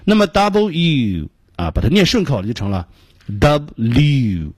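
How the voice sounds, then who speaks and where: This is a middle-aged man with a Beijing Mandarin accent teaching a radio pronunciation lesson. His voice is a little husky, and it sounds dry and close to the mic. He explains patiently, drops in small filler sounds between phrases, and his pitch moves up and down a lot. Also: huge pitch swings, a little mellow, dry recording. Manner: explains patiently, demonstrates sounds slowly and repeats them.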